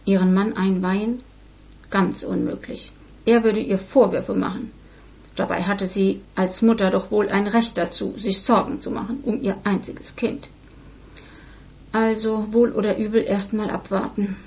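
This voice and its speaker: Expressive woman reading a story. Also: mid-range voice, measured pace, creaky, highs cut off. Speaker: narrator.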